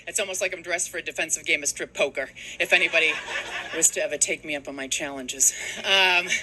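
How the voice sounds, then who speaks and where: A woman comic in her thirties from Boston doing a stand-up set, telling stories in a deadpan way and dropping her voice low to mimic her mother. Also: quick pace, a little hiss or hum, poor audio. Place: comedy stage before a live audience.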